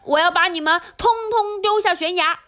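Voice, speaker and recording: A woman reading a storybook aloud, voicing a huge male giant with slow, drawn-out threats. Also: very high voice, sharp tone, voice pushed up. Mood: menacing. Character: huge bullying male giant, later a meek son.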